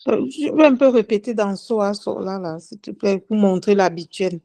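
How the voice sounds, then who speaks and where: A woman's voice: mid-range voice, moderate pace, dark tone. Woman asking questions in a lesson. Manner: questioning, tries out words. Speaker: learner, co-host.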